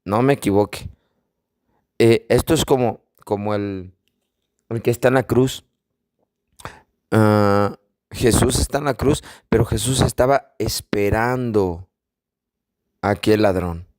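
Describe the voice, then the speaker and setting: A man's voice: lowish voice, slow, long pauses, darkish tone, dry recording, studio quality. A man giving an informal spiritual teaching, emphatic and repeating phrases for stress. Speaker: religious teacher.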